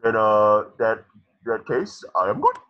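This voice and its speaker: A man voicing a pompous, scheming sea-monster supervillain with a gravelly, husky voice in a cartoon table reading. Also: lowish voice, huge pitch swings, a little slow, lo-fi sound. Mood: impatient bargaining. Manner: pompous, theatrical.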